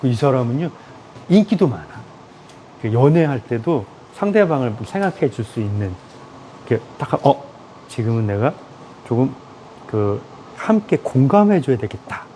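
A man giving a lively lecture in a room, acting out people in raised voices and laughing often. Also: medium pitch, moderate pace, pauses often, a little hiss or hum.

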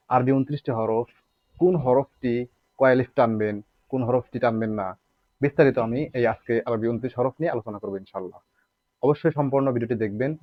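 A man's voice: medium pitch, no room sound, muffled recording. A man teaching Arabic letter pronunciation in a patient, repetitive way, asking rhetorical questions and drawing out sounds to demonstrate them. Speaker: Quran recitation teacher.

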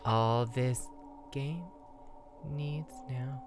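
A man's voice: medium pitch, extremely slow, music in the background. A man reacting in a scared, jumpy way as he streams a horror game. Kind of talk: casual gameplay reaction.

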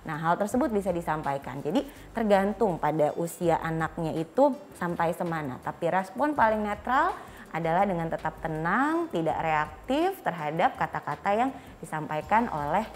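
Very animated yet moderately paced, this fairly low-pitched woman in her thirties speaks with an Indonesian accent as an informal guest expert. She acts out brief parent and child exchanges on a small furnished studio set indoors, recorded by a clip-on lapel mic with slight hiss or hum.

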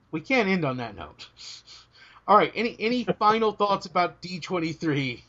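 A British man chats as a podcast co-host in a joking, self-interrupting way. His voice is a little hoarse, and his pitch swings up and down a lot. The sound is dull and lo-fi. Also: very animated, a little slow, fairly bright tone. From Britain. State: starting to lose his voice. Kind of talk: casual chat. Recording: dull lo-fi audio.

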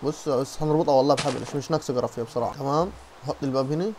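A young man with an Egyptian Arabic accent, chatting excitedly through a game playthrough as a channel host, coaxing the animals and talking to viewers. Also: medium pitch, very fast, slight background noise. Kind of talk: Minecraft let's-play commentary.

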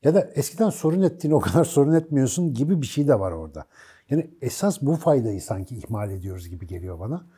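A man's voice: medium pitch, big pitch swings, fast, mellow, breathy edge. A man co-hosting a talk show, speaking informally and colloquially about his own experience. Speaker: co-host. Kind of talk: casual chat.

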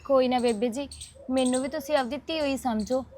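A woman's voice: high voice, brisk, darkish tone, lightly acted. A woman playing a kind young neighbour who comforts an old woman in a reassuring tone. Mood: soothing. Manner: soothing, reassuring.

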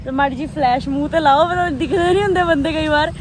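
Punjabi girl vlogger, really high voice, chatty, bit of background noise. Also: fast. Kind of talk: casual vlog chat.

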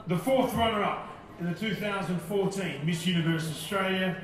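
High-pitched male pageant host, echoey hall. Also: normal speed, recorded from a distance. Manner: projecting pageant-host announcer delivery. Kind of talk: formal stage announcing of results. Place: large ballroom stage with audience. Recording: echoey hall PA from afar, music behind. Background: loud music.

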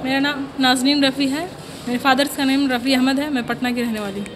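High-voiced woman explaining steadily. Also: steady tone, brisk, background noise. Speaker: police sub-inspector recruit. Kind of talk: interview answer. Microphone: handheld mic.

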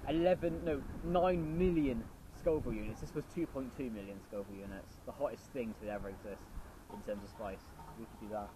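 A man's voice: mid-range voice, a little fast. A young man chatting casually and swearing outdoors, suffering from chilli burn and nausea as a challenge vlogger. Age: young adult. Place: outdoors at a park picnic table. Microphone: camera on the table, a short way off. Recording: noisy outdoor camera audio.

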